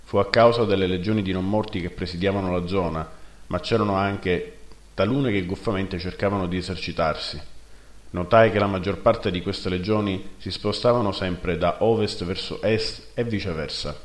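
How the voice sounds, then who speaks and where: A man narrating a first-person fantasy story in a steady, measured reading, in a roomy recording. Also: low voice. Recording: roomy echo.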